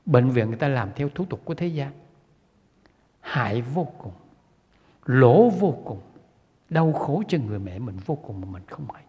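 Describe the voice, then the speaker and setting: A man's voice: medium pitch, lively intonation, normal speed, long pauses, mellow, breathy edge. A man giving an earnest Buddhist sermon, repeating himself and putting questions to his listeners. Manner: earnest, repetitive, rhetorical questions to audience. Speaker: Buddhist lay teacher. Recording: dull lo-fi recording with long hall reverb.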